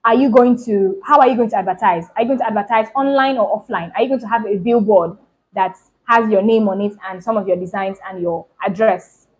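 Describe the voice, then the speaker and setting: A woman hosting her own channel, giving a casual lesson on running a clothing business, talking fast and often checking "do you understand?". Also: mid-range voice, a little mellow, rough recording. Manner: talks fast, repeats points, keeps asking "do you understand?". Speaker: fashion business channel host. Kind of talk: casual instructional talk to camera.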